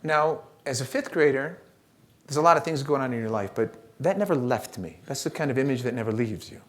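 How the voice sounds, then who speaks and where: A middle-aged man giving a relaxed, humorous keynote talk at a church event, telling stories with frequent fillers. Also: medium pitch, brisk. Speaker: keynote speaker. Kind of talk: conversational keynote talk with storytelling.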